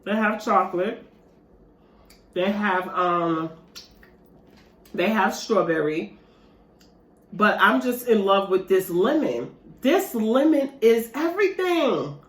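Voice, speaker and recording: Here a woman speaks at medium pitch, expressively and slowly, stopping often. She's a vlogger having dessert at home and chatting animatedly and casually to her audience, mukbang-style, with the recording echoing around the room.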